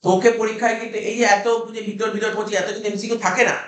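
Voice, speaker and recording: High-voiced Bengali teacher in an echoey room. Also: male voice, flat delivery, rapid-fire, fairly bright tone. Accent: Kolkata Bengali. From India. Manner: drills students with repeated questions. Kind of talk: classroom lecture.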